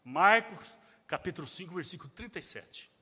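A man's voice: high-pitched, expressive, moderate pace, breathy edge, in a large hall. A man preaching a sermon in a dramatic way, calling out the cries he reads aloud. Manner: dramatic, shouting out quoted cries.

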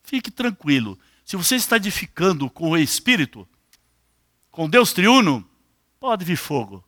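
Animated older Brazilian preacher, high voice. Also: male voice, moderate pace, no echo, clean studio sound. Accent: Brazilian Portuguese. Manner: animated, questions the congregation directly. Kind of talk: sermon.

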